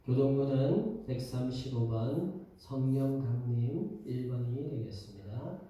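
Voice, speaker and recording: A man's voice: mid-range voice, animated, a little slow, mellow. A man leading a church service, with formal prayer and responsive reading in a slightly chanting way. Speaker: worship leader. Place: church sanctuary. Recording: echoey hall from far off.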